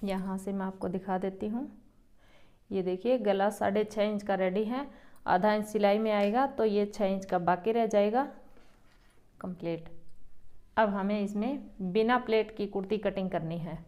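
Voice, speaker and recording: A woman who runs a boutique, calmly explaining step by step how to cut a garment as she works. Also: mid-range voice, normal speed. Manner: calm, explains each step while working. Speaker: boutique owner teaching tailoring. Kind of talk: step-by-step sewing tutorial.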